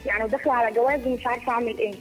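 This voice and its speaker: A woman's voice: on the high side, steady tone, very fast, faint music behind. Teenage Egyptian girl calling in by phone. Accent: Egyptian Arabic. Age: teens. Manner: hesitant, worried. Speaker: phone-in caller. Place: home, TV audible behind. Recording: on-air phone line.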